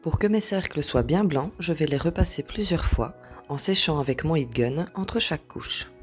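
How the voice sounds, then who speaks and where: A woman hosting an art journal tutorial, explaining each step calmly, with occasional hesitations. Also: low-pitched, normal speed, soft background music. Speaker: craft tutorial host.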